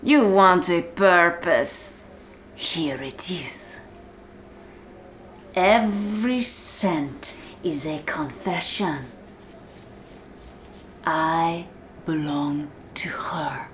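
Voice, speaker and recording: A woman takes on the role of a cold, controlling female warden in an ASMR roleplay monologue, talking right to the listener in a measured, condescending way with whispery, hushed drops. Her voice is on the low side and the mood stays controlling and quiet, with slight background noise.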